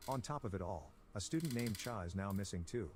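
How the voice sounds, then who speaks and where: Recap voice-over, man with a lowish voice, rapid and steady delivery. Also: soft background music. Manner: brisk, even, steady storytelling. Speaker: recap narrator. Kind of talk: scripted plot-recap narration.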